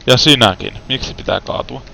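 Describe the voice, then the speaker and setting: A man's voice: medium pitch, vocal fry, pushed and bright, a little hiss or hum. A young Finnish man giving casual gameplay commentary, with frustrated outbursts and English words mixed in. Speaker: gaming let's player.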